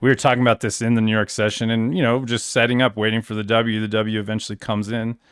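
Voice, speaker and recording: A man's voice: lowish voice, little pitch movement, fast talker, a bit bright, clean tone, dry recording, clean studio sound. Laid-back rambling male trading streamer. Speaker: crypto trading livestream host. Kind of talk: casual screen-share walkthrough.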